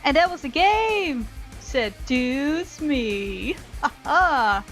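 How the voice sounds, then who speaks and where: With lively intonation and a fairly bright tone, a high-voiced woman reads visual novel narration extremely slowly while hosting a game playthrough and adding commentary. The sound is dull, with game music in the background.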